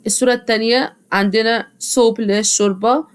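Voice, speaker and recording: A woman's voice: a little high, steady tone, fast, clear, resonant tone. A young woman with an Egyptian Arabic accent teaching children English vocabulary, repeating each word patiently so they can echo it. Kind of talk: vocabulary lesson with drilled repetition.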